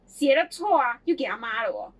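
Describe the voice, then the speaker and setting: High, lively woman. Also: a little fast. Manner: animated, laughs often while telling stories. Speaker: podcast co-host. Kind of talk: casual chat, childhood storytelling.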